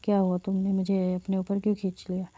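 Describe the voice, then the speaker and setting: A woman's voice: medium pitch, completely flat delivery, quick pace, warm tone, dry recording, close to an everyday voice. A woman voicing a flustered, defensive young woman who stammers out her questions in a storybook reading.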